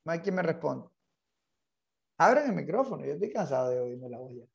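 A man's voice: on the high side, big pitch swings, a little fast, creaky, dull audio. A man leading an online real estate training class, insistent and repetitive, mixing English terms into his Spanish.

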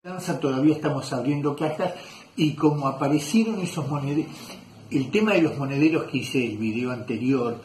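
A man's voice: mid-range voice, moderate pace, darkish tone, slight background noise. Rambling Argentine man in an echoey workshop. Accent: Argentine Spanish. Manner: rambling, self-correcting with many fillers. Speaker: leatherwork teacher. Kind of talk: casual workshop chat. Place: leather workshop.

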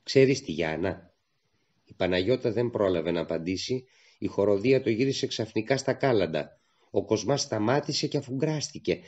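A man narrating a literary audiobook in a steady, measured storytelling manner, on a dull lo-fi recording. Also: on the low side.

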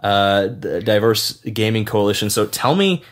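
A man's voice: on the low side, lively intonation, measured pace, a bit bright. A man hosting an interview, talking in a loose, rambling conversational way. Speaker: podcast host. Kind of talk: casual interview chat.

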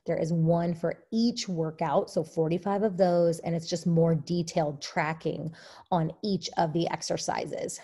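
Chatty low-voiced woman coaching on a call. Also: warm tone. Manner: chatty, upbeat, many fillers. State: out of breath. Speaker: team coach leading a training call. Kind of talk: casual online training call. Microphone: video call.

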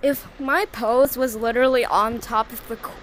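A woman giving casual gameplay commentary, slangy and chatty, breaking into sudden gasps and rapid repeated exclamations. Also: fairly high pitch, steady tone, a bit bright. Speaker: gaming video creator.

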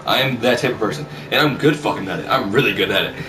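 A teenager or young adult hosts a vlog from a small bedroom, telling school stories in a brash, sweary, repetitive way during a casual storytelling chat. His voice is on the low side and quick, picked up by a distant camera mic with loud music and background noise.

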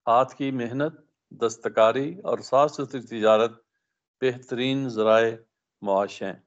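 A middle-aged man gives a religious lesson from prepared text, his delivery steady and recited, pitched at an ordinary middle level. The recording is dull and lo-fi, muffling the top end. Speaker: speaker at a religious study session. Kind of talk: reading a prepared religious talk aloud.

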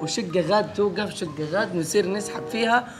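A man's voice: sits high, fast, music in the background. A man hosting a prank vlog, talking in casual, insistent and nagging banter.

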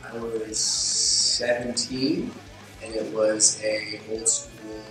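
A man's voice: fairly low pitch, little pitch movement, very slow, fairly bright tone. A twenty-two-year-old man speaking matter-of-factly in a seated interview. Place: studio with gray backdrop. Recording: very echoey, mic off at a distance, music bed.

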